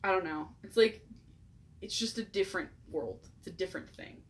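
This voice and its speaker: A woman's voice: lowish voice, animated, brisk. A woman in casual chat, talking bluntly with heavy swearing.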